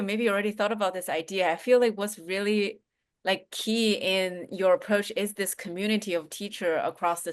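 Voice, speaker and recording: Lady co-host musing out loud, chatty, on a video call. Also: mid-range voice. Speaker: podcast co-host. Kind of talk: panel discussion.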